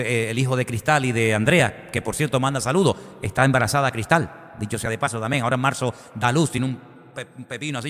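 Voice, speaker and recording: A male pastor, giving a conversational, animated sermon full of rhetorical questions. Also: mid-range voice, in a large hall. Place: church.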